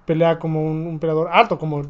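A man's voice: fairly high pitch, little pitch movement, fast talker. A young man, co-host of a fight talk show, chatting casually and slipping English slang into his Spanish, laughing often. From Mexico. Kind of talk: casual chat about fights. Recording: dull lo-fi sound.

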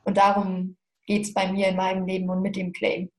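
A woman's voice: medium pitch, monotone, moderate pace. Brief: woman guest, earnest storyteller, mid-range voice, heartfelt. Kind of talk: storytelling in a podcast interview.

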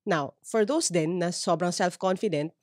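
A Filipino woman podcaster with a slightly low voice and a dry, close sound. She talks through advice conversationally, switching between two languages and explaining as she goes with little check-in tags. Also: moderate pace, a little mellow, dry recording. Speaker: podcast host.

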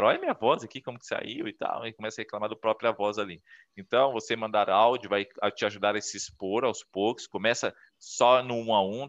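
A man's voice: fairly low pitch, a bit bright. A man coaching on communication in an interview, explaining step by step and acting out the voices in his little stories. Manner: explanatory, acts out quoted voices while telling stories. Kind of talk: interview advice talk. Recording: dull lo-fi sound.

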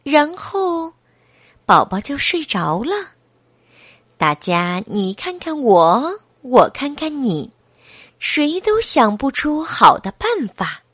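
Woman, storyteller, children's story, high lively voice, slow. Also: dry recording.

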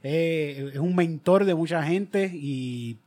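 A man, co-hosting a casual comedic chat and telling profane, animated stories. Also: fairly high pitch, slow pace. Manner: profane, animated storyteller who slips into put-on accents. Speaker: podcast co-host.

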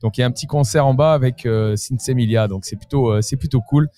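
A man's voice: mid-range voice, fast talker, warm tone. A man hosting an interview podcast at a trade fair, talking with enthusiasm, with faint concert music behind him. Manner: enthusiastic, talkative. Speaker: podcast host. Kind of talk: casual interview.

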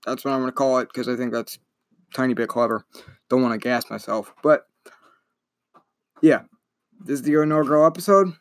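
A man's voice: mid-range voice, moderate pace, pauses often, no room sound. A young man hosting a casual solo sports podcast, talking in a rambling, chatty way and often correcting himself. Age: young adult. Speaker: podcast host.

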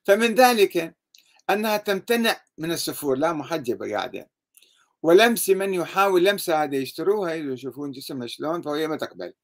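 A man with an Iraqi Arabic accent lectures in a critical tone. His voice sits a little high. He is sarcastic and keeps throwing out quick rhetorical questions. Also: animated. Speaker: religious critic.

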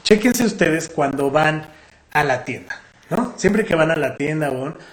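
A man's voice: on the high side, expressive, unhurried. A Mexican Spanish-accented man hosting a casual radio chat. He talks in easy slang and acts out little examples. The room around him rings with echo. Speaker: radio host.

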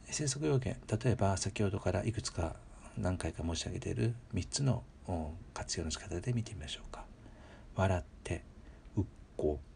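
A man with a very low, gravelly voice teaches a grammar lesson in a patient, measured way. He repeats each example word slowly and speaks in polite, instructive phrases. Faint noise sits under the recording. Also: warm tone. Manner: polite instructional phrasing with frequent filler pauses. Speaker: language teacher.

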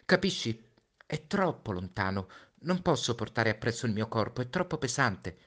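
A man reading a storybook voices the Little Prince, a gentle, earnest small boy, in a raised, pleading childlike voice. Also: mid-range voice, sing-song, normal speed, pitched above the performer's own voice.

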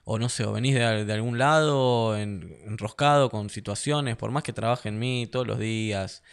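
This young Argentine man speaks with an Argentine Spanish accent as a fighter guest in a casual interview, telling stories, laughing often, and acting out quotes in a raised voice. His voice is lowish, gravelly yet smooth, at a moderate pace.

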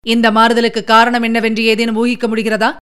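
A woman voicing a calm, authoritative male emperor in an audiobook. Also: a little high, a little fast, smooth, natural voice. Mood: commanding. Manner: composed, authoritative. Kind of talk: audiobook character reading.

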